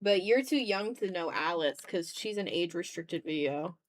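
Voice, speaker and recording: An art livestreamer with a fairly low, expressive voice chats casually while she draws on stream. She talks at a moderate pace, rambling in a self-deprecating way.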